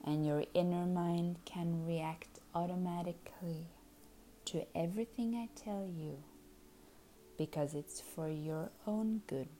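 Very slow soothing woman, half-whispered. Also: lowish voice, steady tone, mellow, a little hiss or hum. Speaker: hypnotherapist. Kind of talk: guided hypnosis session.

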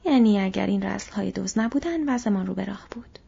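A woman's voice: mid-range voice, animated, creaky, warm tone, slightly rough, heavily acted. A woman reading the part of a middle-aged female hobbit housewife who answers dryly and curtly. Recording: dull lo-fi audio.

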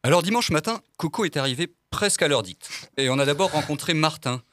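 A man's voice: fairly high pitch, animated, a little fast, fairly bright tone, no room sound. Wry man with dry narration. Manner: wry, playful. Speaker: co-host narrator. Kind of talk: scripted comic narration.

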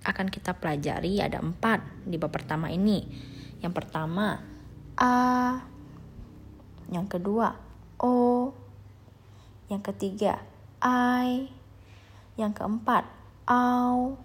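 A woman's voice: medium pitch, moderate pace, slight background noise. A young adult woman teaching a patient beginner language lesson, leading listeners through repetition drills. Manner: patient, repeats drills, asks listeners to follow along.

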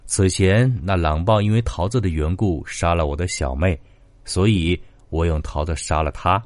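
A man voicing a polite young male scholar who is a spirit, speaking in a formal, humble, measured way. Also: low-pitched, a little mellow, no echo, lightly acted. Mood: earnest.

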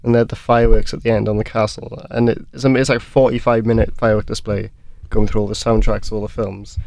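A man co-hosting a casual film podcast, chatty and quick to laugh. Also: fairly low pitch, level tone, gravelly, darkish tone, no room sound. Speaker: podcast co-host. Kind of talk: casual chat among friends.

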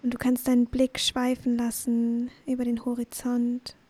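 A woman narrating a guided bedtime sleep meditation in a soothing, gentle, breathy voice that often nears a whisper. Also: a little high, completely flat delivery, moderate pace, no echo. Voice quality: breathy, soft.

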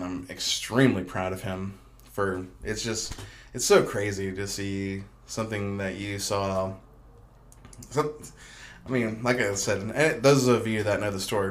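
A young man hosts his own casual solo podcast, rambling chattily with lots of fillers and restarts. His voice sits on the low side and is a bit bright.

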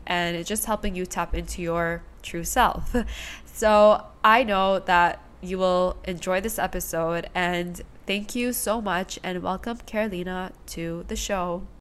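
A woman hosting a podcast, a little under the weather with a nasal, congested voice, speaking in a gentle, upbeat way. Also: on the low side, clean tone. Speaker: podcast host. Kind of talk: podcast intro and interview.

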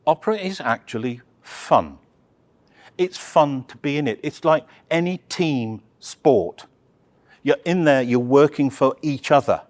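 A man's voice: mid-range voice, darkish tone. Chatty man fielding audience questions. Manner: chatty, halting with restarts. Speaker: opera project presenter. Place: live talk session.

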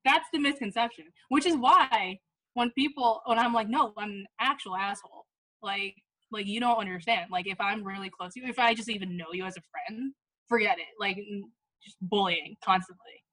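A woman's voice: mid-range voice, moderate pace, pushed and bright, poor audio. A young woman in casual chat, self-mocking, swearing freely and laughing often.

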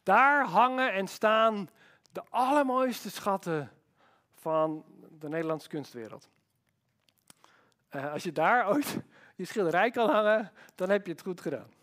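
A man preaching a sermon as pastor, emphatic and animated, with rhetorical questions. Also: sits high, a little slow, long pauses.

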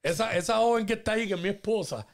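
A man's voice: sits high, fast talker. A man hosting the interview who keeps up short back-channel replies and asks questions. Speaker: interview host.

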